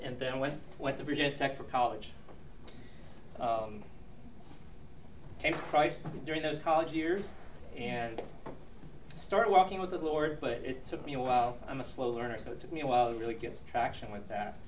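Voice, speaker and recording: A man's voice: mid-range voice, normal speed, pauses often. A middle-aged man, born in Taiwan and raised in the U.S., gives an earnest presentation to a church audience, with many ums and restarts. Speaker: ministry leader and speaker. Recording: roomy, distant, dull recording with faint noise.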